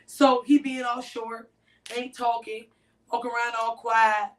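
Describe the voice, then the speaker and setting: A woman with a fairly high voice tells a story on a podcast, animated and talking right to her listeners. She sits a bit back from the microphone, so her voice has some distance. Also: measured pace. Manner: animated, addresses listeners directly. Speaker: podcast co-host.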